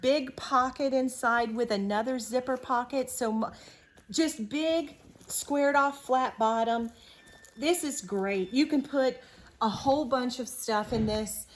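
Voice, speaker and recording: A woman's voice: high voice, slow pace. A woman with an Ohio accent, co-hosting a casual stitching show, chatting enthusiastically and laughing often. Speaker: co-host of a stitching video show. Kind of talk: casual chat showing purchases.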